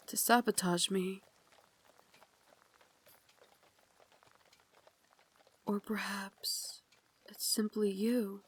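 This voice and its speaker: Speaking in a mid-range, slightly mellow voice, a woman takes on the role of a guilt-ridden, tender young Victorian vampire lady in an intimate ASMR roleplay. Her phrasing is formal, dramatic, and confiding, breaking into breathy whispers, and her mood is hushed and uncertain.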